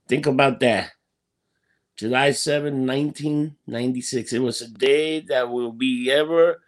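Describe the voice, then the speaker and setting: A man's voice: on the high side, a bit bright. A man hosting a wrestling talk show, retelling matches informally with a showman's flair and repeating phrases for emphasis. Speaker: podcast host.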